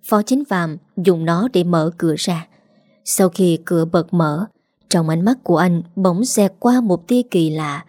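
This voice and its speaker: Brief: woman storyteller, steady narration, dark mellow voice. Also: lowish voice, unhurried, dry recording, clean studio sound.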